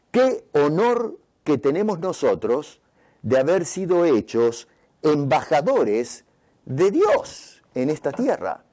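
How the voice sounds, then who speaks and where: A man's voice: mid-range voice, dark tone. A man preaching a sermon as pastor, with emphatic rising and falling delivery, stumbling and restarting over some words.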